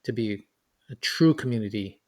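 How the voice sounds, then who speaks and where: A man in his forties from New York City co-hosting a podcast, chatty and animated as he talks. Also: on the low side, normal speed. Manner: chatty, animated, laughing as he reminisces. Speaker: podcast co-host. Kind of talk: podcast conversation.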